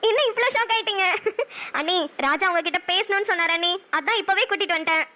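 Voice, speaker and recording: A woman voicing an excited young woman in a cartoon drama, calling out eagerly and urgently. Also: extremely high pitch, fast talker, faint music behind. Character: excited young woman Roja, playful sister-in-law.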